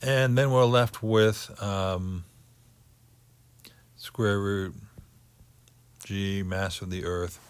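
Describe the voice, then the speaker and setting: A man lecturing on orbits at an unhurried pace, stopping often to think between steps. His voice sits fairly low, and he slips in a dry joke now and then. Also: fairly even intonation, smooth. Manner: slow, thinking aloud with many pauses and fillers. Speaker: teacher. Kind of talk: physics lecture.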